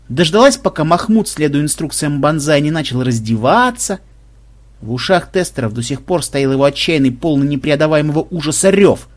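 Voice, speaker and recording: Husky man narrating a comic tale. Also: on the high side. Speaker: audiobook narrator. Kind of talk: scripted narration.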